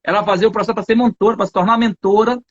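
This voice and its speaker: Emphatic high-voiced Brazilian man teaching. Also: steady tone, very fast, dull audio. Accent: Brazilian Portuguese. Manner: emphatic, slangy, preachy. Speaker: English teacher and co-host. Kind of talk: live-stream lesson.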